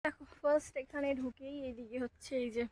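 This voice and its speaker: A woman's voice: sits high, fairly even intonation, quick pace, a little hiss or hum. A woman with a Bengali accent chatting to viewers as she walks through an outdoor park on a phone camera. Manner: chatty, addresses viewers directly, drops to a hush at times. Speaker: vlogger. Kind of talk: casual walking vlog.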